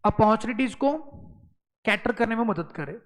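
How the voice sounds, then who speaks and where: A man's voice: high voice, animated, moderate pace, big-room sound, low-quality recording. A man from Maharashtra, India, teaches an exam class, slipping back and forth between Hindi and English. He keeps firing rhetorical questions at his students and drills key terms. His tone stays playful and teasing. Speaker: accounting exam tutor. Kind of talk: classroom lecture.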